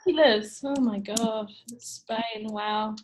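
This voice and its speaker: A woman's voice: fairly high pitch, slow, slight background noise, rough recording. A woman from New Zealand with a broad Kiwi accent, chatting casually as a guest contestant in a word game.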